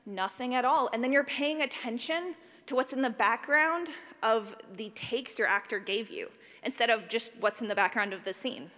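In a big reverberant hall, a sound designer who works on audio fiction gives a loose, informal conference talk and fields audience questions. She sounds animated and pokes fun at herself, joking around and leaning heavily on "like," with a voice on the high side. The recording picks up the room's echo.

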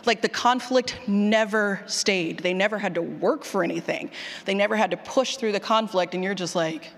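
In a conference room with long, ringing reverb, a woman with a mid-range voice and some vocal fry leads a workshop on audio drama writing at a normal pace. She's animated, colloquial and mildly sweary, hitting points with punchy emphasis and slangy phrasing while putting questions straight to the audience.

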